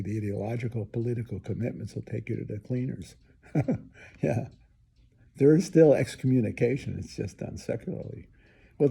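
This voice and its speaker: A man's voice: medium pitch, vocal fry, dark tone, slightly rough. An older man, a priest, giving an earnest, emphatic spoken reflection in a conversational way with asides.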